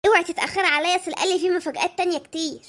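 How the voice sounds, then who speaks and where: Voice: extremely high pitch, fairly even intonation, racing, fairly bright tone. A performer voicing a spoiled, demanding Egyptian housewife who talks in a whiny, coaxing way.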